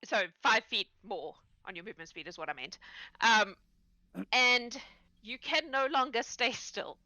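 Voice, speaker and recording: A woman's voice: a little high, unhurried, pushed and bright, no room sound, rough recording. A woman acting as game master, narrating a tabletop game casually and off the cuff, often giggling through her sentences.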